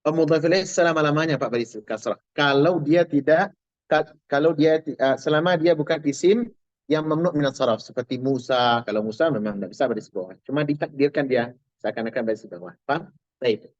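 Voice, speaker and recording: Higher-voiced man teaching grammar. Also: no echo. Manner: coaxing, quizzing students with quick questions and light laughs. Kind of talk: classroom grammar lesson. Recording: dull lo-fi classroom recording.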